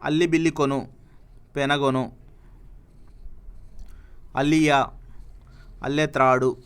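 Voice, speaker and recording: A man with a Telugu accent slowly reads dictionary words and their meanings, pausing after each one. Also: mid-range voice, flat delivery, smooth. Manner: reads each word then its meaning, with pauses. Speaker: teacher reading a word list.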